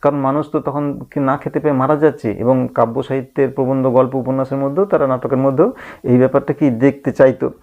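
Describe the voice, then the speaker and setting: A man teaching a literature lesson in a gravelly, mid-pitched voice, pausing with hums and restarting his sentences as he explains. The sound is thin and narrow, as if it came over a phone line. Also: steady tone, faint music behind. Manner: thinking aloud with frequent hums and restarts. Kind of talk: reading and explaining a play in a lesson. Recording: tinny phone-like audio.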